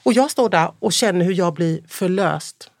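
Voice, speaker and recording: A woman's voice: on the low side, expressive, no room sound. Woman on a podcast telling a story, reflective, lots of fillers, dry close sound. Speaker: podcast guest. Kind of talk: casual conversation.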